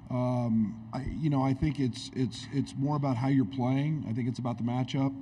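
Mellow-voiced coach at a press table. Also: male voice, medium pitch, fairly even intonation, a little hiss or hum. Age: middle-aged. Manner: halting, reflective, many restarts. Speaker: head basketball coach. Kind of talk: postgame press conference answers. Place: indoor press conference room. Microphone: table microphone on stand.

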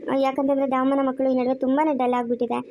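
A woman's voice: high-pitched, flat delivery, racing, darkish tone, lo-fi sound, a little hiss or hum. A woman channel host with a rural Karnataka accent, chatting casually and asking viewers for comments. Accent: rural Karnataka Kannada.

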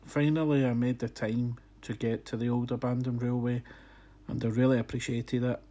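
A man at a medium pitch, talking through his photos in an easygoing voice-over. He sounds friendly and a little hesitant, like a photographer sharing a day trip. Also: moderate pace. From Scotland. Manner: relaxed, friendly, slightly hesitant. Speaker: photographer narrating a slideshow. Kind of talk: casual voice-over narration. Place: voice-over, not recorded on site.

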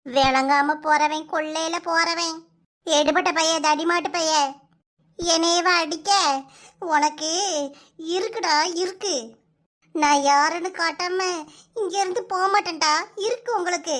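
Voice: very high-pitched, steady tone, unhurried, long pauses, a bit bright. A performer voicing a kidnapped village housewife in a cartoon, wailing and cursing in a Tirunelveli Tamil accent. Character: kidnapped village housewife, shrill and foul-tempered. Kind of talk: cartoon voice acting.

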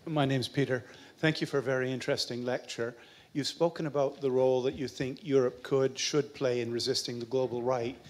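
A man's voice: mid-range voice, fairly even intonation, a little fast. A man politely asking a question from the audience at a lecture. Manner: polite, formal.

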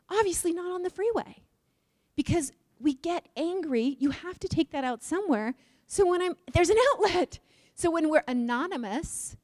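A woman's voice: high-pitched, no room sound, clean studio sound. A woman from Utah giving a conference talk, asking the audience questions and joking. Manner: lively, questions the audience, jokes. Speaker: conference speaker.

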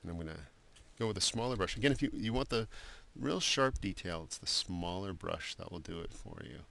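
A man giving a screen-recorded software drawing tutorial, talking loosely with many fillers and restarts. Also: low voice, animated, brisk, gravelly. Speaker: art instructor.

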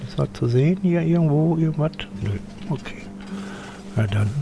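A man's voice: fairly high pitch, lively intonation, moderate pace, vocal fry, background noise. An older man gives chatty live game commentary, muttering to himself and grumbling at his character. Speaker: let's play streamer.

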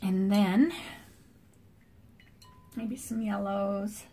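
A middle-aged woman, a watercolor artist, chatting in a relaxed way as she paints at a table indoors, picked up by an overhead camera mic. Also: mid-range voice, extremely slow, husky. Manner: relaxed, chatty running commentary. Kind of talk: thinking aloud while painting.

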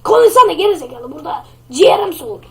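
A woman's voice: extremely high pitch, very animated, racing, gravelly, a bit bright, exaggerated voice. A woman voicing a short-tempered, insulting father with a nasal voice, scolding in a grumbling way. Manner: scolding, name-calling.

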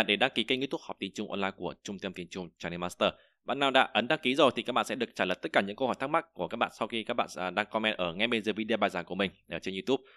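A Vietnamese man leads an online pronunciation lesson, his low, smooth voice recorded close and dry. He walks through the lesson casually with many fillers, then repeats drill syllables loudly and steadily. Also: no echo. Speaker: Chinese language teacher. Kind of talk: online lesson with screen walkthrough.

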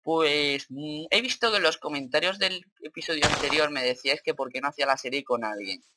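A young man from Spain with a Spanish accent, commentating his Minecraft play in an excitable, swearing, thinking-aloud way. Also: a little high, fairly quick, slight background noise. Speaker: gaming YouTuber.

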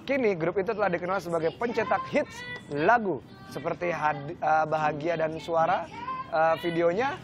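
A man's voice: on the high side, moderate pace. A man, presenting casually and jokingly as a talk show co-host. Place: lively cafe interior. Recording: music and chatter behind the voice.

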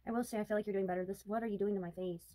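A woman's voice: mid-range voice, fairly even intonation, racing, dark tone, no echo. A young woman vlogger telling a story in a chatty, giggly way. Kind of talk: casual chat.

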